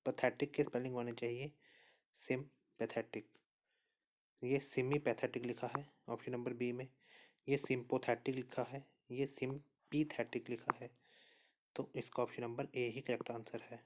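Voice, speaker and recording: A man's voice: mid-range voice, a little slow, pauses often. A man teaching an exam prep lesson, working through spelling questions one by one and often checking back with "okay". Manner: steady explainer, repeats answers and says "okay" often. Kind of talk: spoken lesson walking through quiz answers.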